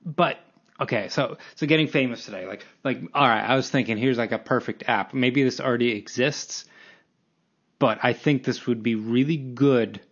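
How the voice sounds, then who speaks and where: Man, late twenties, solo podcast host, rambling casual monologue, self-deprecating, mid-pitched voice, slightly dull recording. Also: normal speed, a bit bright. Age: 20s.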